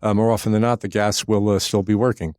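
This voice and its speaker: A man co-hosting a political podcast, talking in a measured way with frequent pauses. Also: on the low side, little pitch movement, a little mellow, clean tone, no room sound, studio quality. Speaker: podcast co-host.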